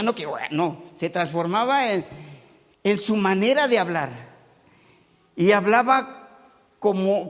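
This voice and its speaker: A high-voiced man preaching in a church hall, his words trailing into a long reverb. He speaks with a Mexico City Spanish accent and moves between loud preaching and quiet asides to the congregation. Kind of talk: sermon.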